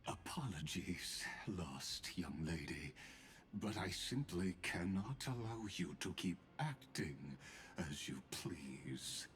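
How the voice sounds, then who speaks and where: An actor playing a pompous, formal and menacing villain in a dramatic video game. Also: male voice, low voice, sing-song, takes it slowly, a bit bright, a little hiss or hum, full character voice. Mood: haughty menace. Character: menacing, disdainful male villain, formal and commanding.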